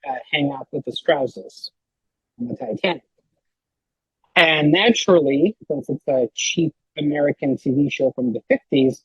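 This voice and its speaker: A man talking as a podcast guest, rambling and animated, with lots of filler words and a husky voice. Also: fairly high pitch, no echo, dull audio. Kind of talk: casual podcast chat.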